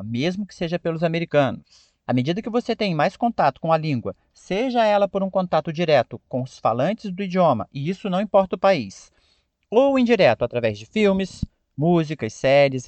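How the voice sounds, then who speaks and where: A man's voice: fairly high pitch, dry recording. A man from Brazil with a Brazilian Portuguese accent, teaching an English pronunciation lesson online and talking straight to his viewers, often checking in with "ok?". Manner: lively, addresses viewers directly, keeps asking "ok?".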